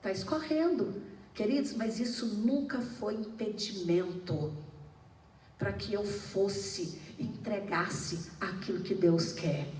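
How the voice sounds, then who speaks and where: A woman's voice: mid-range voice, a little mellow, slight background noise. A middle-aged woman pastor with a Brazilian accent preaching a fervent sermon, calling out to the congregation with frequent hallelujahs. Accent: Brazilian Portuguese. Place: church. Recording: echoey room, mic at a distance, faint ambience.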